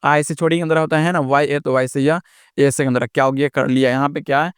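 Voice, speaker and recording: Friendly teacher spelling words out slowly. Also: male voice, on the high side, steady tone, smooth, no room sound, clean studio sound. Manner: keeps adding "दोस्तों" and "है ना?" as check-ins. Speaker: English teacher. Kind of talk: spoken lesson on reading and writing English.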